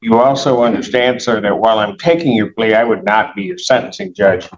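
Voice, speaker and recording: A man serving as judge, speaking in a measured, formal way through court proceedings, heard in a courtroom recording. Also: on the low side, slight background noise. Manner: measured, formal, reads plea terms aloud. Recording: muffled courtroom recording with faint clicks.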